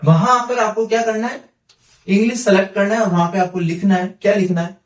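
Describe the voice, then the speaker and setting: A man teaching an English lesson in a lively, teasing way, asking and answering his own questions. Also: high-pitched, brisk. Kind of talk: classroom lesson. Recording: echoey room, mic far off.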